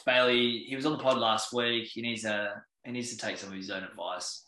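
A man's voice: medium pitch, flat delivery, brisk, sharp tone. An Australian man co-hosting a casual podcast with teasing banter, recorded with a roomy echo. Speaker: podcast co-host. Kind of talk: casual chat. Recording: roomy, echoey sound.

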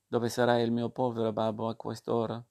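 An eager, naughty puppet boy pleading and promising, read by a man in a gravelly, flat-toned storybook voice. Both the boasts and the promises come out in the same level, creaky tone. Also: medium pitch, brisk, lightly acted.

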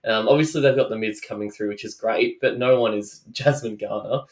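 A man's voice: fairly low pitch, fairly quick. An Australian man co-hosting a casual sports chat, thinking aloud with hesitant restarts as he leads the segment. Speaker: podcast co-host. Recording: roomy echo.

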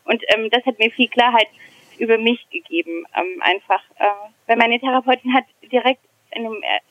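A woman's voice: fairly high pitch, moderate pace, fairly bright tone, dry recording, rough recording. A woman in her thirties talking candidly as a podcast guest, hesitant and reflective, with many fillers. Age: 30s. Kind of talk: candid personal conversation.

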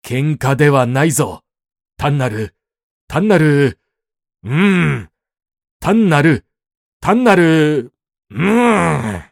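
Casting: man voicing stern older peacemaker, booming orders, hesitating mid-sentence, dry recording. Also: animated, slow, hardly any pauses, slightly rough, no echo. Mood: commanding. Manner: commanding, shouts, falters for words.

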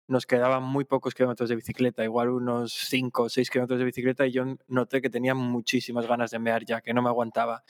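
A man's voice: mid-range voice, no echo, clean studio sound. A man co-hosting a casual podcast chat, telling his own story with many restarts. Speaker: podcast co-host.

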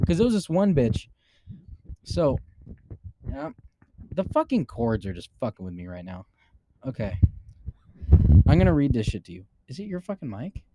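A man's voice: medium pitch, mellow, slight background noise. A man co-hosting a casual podcast, talking loosely and swearing a lot between laughs. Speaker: podcast co-host. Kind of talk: casual profane podcast chat.

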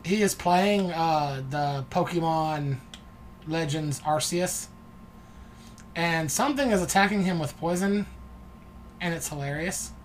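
Guy hosting a chill podcast, talks low right up on the mic, faint hiss behind. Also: takes it slowly, long pauses. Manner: low-voiced, talking very close to the mic. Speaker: podcast host. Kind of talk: casual chat. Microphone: close to the mic.

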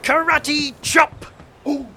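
A man playing an excitable pursuer in a comedy sketch, exclaiming melodramatically to himself. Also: very high voice, very slow, heavily acted. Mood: frantic. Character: excitable amateur chaser narrating his own pursuit.

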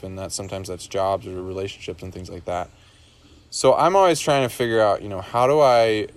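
A man's voice: lowish voice, slight background noise. A young man in casual podcast chat, thinking aloud and rambling with many fillers and restarts.

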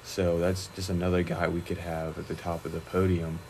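A young man, a high school wrestler, chatting casually in an interview, relaxed and rambling with many fillers and restarts. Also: a little fast, a little hiss or hum, poor audio.

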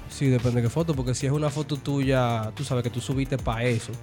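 A man's voice: mid-range voice, fairly even intonation, brisk, darkish tone, soft background music. A man with a Dominican accent talking casually as a podcast co-host, slangy and swearing freely. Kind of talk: casual chat.

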